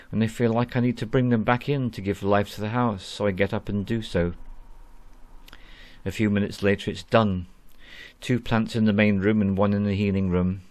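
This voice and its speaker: A man narrating his spiritual experience in a slow, calm, earnest way from a small room at home. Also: fairly low pitch, no room sound. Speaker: spiritual vlogger.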